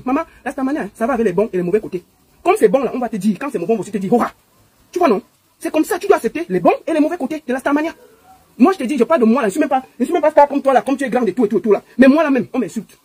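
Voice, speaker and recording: A woman with a Cameroonian French accent delivers a scolding rant at breakneck speed. Her high voice leaps up and down as she stammers through repeated words. The tone stays indignant throughout. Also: darkish tone, breathy edge, no room sound. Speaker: online commentator. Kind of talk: ranting commentary vlog.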